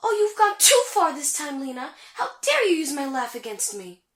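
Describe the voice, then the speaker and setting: A woman voicing a vain, excitable anime sorceress with a haughty, theatrical manner in a comedic audio drama. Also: high-pitched, moderate pace. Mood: indignant, haughty.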